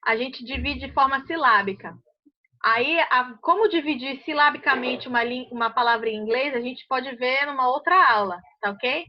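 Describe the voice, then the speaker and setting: High-voiced patient teacher woman, muffled audio. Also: normal speed. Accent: Brazilian Portuguese. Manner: patient, checks understanding often. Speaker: English teacher. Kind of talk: online class explanation.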